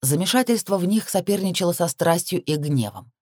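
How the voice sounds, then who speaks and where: A woman reading a first-person audiobook, steady and rising sharply on tense phrases. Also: lowish voice, a little fast, no echo, studio quality. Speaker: audiobook narrator.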